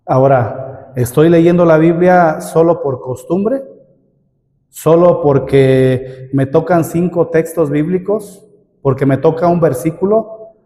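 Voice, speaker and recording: Speaking slowly in a slightly high voice with a dark tone, a middle-aged man preaches to a church hall congregation. He calls them "brother" and asks many rhetorical questions, all carried on a long hall echo.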